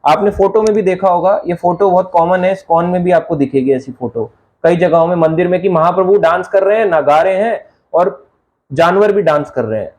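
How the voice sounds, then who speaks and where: Brief: male devotional lecturer, high voice, chatty and jokey, tells stories with humor. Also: fairly quick, a little mellow, poor audio. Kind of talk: Hindi spiritual lecture with anecdotes.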